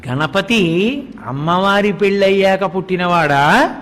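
Male sermon speaker, high pitch, echoing hall, swells louder on key points. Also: slow. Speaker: religious discourse speaker. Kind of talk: devotional storytelling sermon. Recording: hall reverb on the voice.

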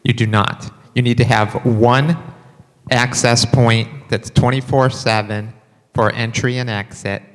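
A man's voice: medium pitch, steady tone, unhurried. A man answering board questions precisely on a handheld microphone. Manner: clear, precise explanations. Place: large meeting room. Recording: long reverb.

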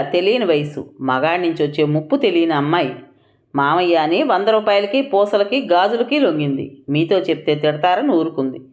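A woman voicing a firm middle-aged woman doctor who explains plainly and sternly. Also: fairly low pitch.

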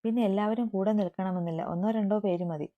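A woman voicing a calm doctor who reassures a worried family in a story reading. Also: mid-range voice, fast talker, close to an everyday voice. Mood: reassuring. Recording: tinny phone-like sound.

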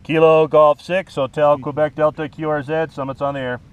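A man's voice: fairly high pitch, level tone, a little fast, background noise. A man hosting an outdoor vlog and making ham radio calls, casual and slangy, recorded on an action camera. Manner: laid-back, slangy. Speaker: vlog host and amateur radio operator. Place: outdoors on a snowy mountain peak.

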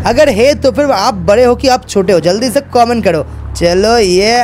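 A man's voice: extremely high pitch, animated, a little fast, a little mellow, a little hiss or hum. A man narrating a game role-play in a chatty way, talking straight to his viewers. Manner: chatty, addresses viewers, repeats fillers. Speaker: gaming YouTuber narrating as Franklin.

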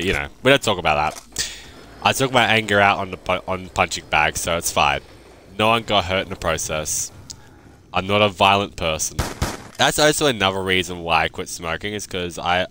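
Deep-voiced young man rambling. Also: sharp tone, slight background noise. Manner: rambling, chatty, swears freely. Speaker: gaming youtuber. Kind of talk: casual gameplay commentary.

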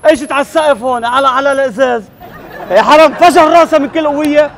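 A man's voice: extremely high pitch, fast, a faint crowd. A man pulling a street prank, insistently repeating his complaint to a driver. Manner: insistent, repeats himself, plays the wronged neighbor. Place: city street outdoors by parked cars.

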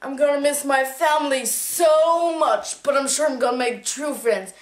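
A woman's voice: high voice, moderate pace. A woman acting in an amateur parody skit, recorded on a camera microphone in a room at home. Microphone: distant camera microphone. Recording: echoey room, distant camera mic.

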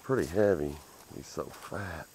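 A man with a Southern US accent, talking excitedly to viewers while fishing from a creek bank, recorded on a head-mounted camera. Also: a bass voice, a little slow, noisy background. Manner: excitable, exclaiming over catches, talking to viewers. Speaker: fishing vlogger. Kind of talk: casual outdoor commentary while fishing.

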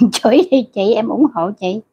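A woman's voice: medium pitch, expressive, measured pace, dark tone, husky. A middle-aged woman hosting a casual livestream. She reads out viewer comments and scolds rude commenters bluntly and crudely. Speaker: livestream host.

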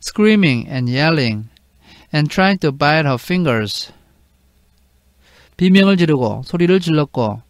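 A man teaching an English book to learners. He reads each sentence aloud very slowly and then translates it. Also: a little high, no room sound. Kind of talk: slow read-aloud lesson with translation.

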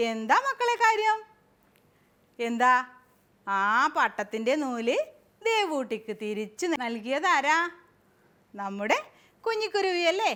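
A woman's voice: sits high, fairly bright tone. A woman kindergarten teacher telling a story to small children, coaxing and sing-song, stopping often to ask them questions.

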